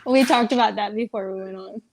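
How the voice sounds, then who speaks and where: A woman chatting casually over a remote call during a group game. She giggles through much of what she says, and her voice sits at an ordinary middle pitch. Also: brisk, creaky. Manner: giggly, laughs often. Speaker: guest in a live stream game. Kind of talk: casual chat.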